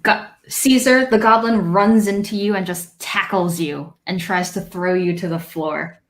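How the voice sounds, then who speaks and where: A woman narrating as dungeon master in an unhurried, descriptive way, with small self-corrections. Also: mid-range voice, steady tone. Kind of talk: narrating a tabletop game. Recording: echoey room.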